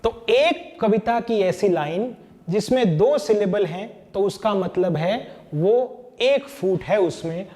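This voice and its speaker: Slow, high-voiced male teacher. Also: expressive, warm tone. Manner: patient, counts out syllables and beats one by one. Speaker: literature teacher. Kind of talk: explaining a poetry lesson.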